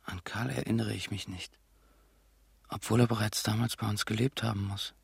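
A man reading a first-person literary text for an audio drama, in a quiet, reflective manner. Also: fairly low pitch, steady tone, moderate pace, vocal fry, husky, no room sound, clean studio sound. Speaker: narrator. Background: music.

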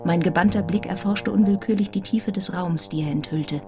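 Woman as mellow, reflective female narrator. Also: lowish voice, fairly quick, soft background music, lightly acted. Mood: reflective, sombre. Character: grown woman recounting her grim orphan childhood, reflective. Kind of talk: literary audio drama narration.

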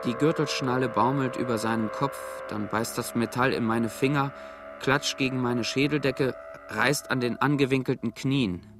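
A man reading a first-person literary text for an audio drama, in a measured, grave storytelling manner. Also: medium pitch, fairly even intonation, noisy background. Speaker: narrator.

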